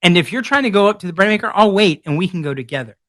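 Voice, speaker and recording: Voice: mid-range voice, animated, rapid-fire, fairly bright tone. A conference speaker telling a vivid second-person story, acting out quotes and repeating phrases for emphasis. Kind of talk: storytelling keynote talk.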